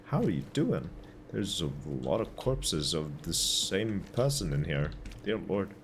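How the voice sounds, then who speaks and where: A man's voice: sits low, big pitch swings, measured pace, slight background noise. A man streaming a game, chatting politely with viewers and thanking them, with a stuffy nose and a cough. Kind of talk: casual gaming commentary.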